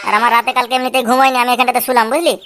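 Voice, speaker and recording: A woman's voice: a little high, level tone, very fast, a bit bright, close to an everyday voice. A woman voicing a bossy, scheming adult man in a cartoon, lecturing a boy with constant checks.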